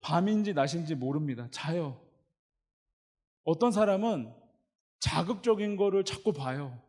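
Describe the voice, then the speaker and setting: A man's voice: on the high side, a little slow, big-room sound. A male pastor preaching a sermon, telling the story with humor and speaking straight to the congregation. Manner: lively, joking storyteller who addresses the congregation.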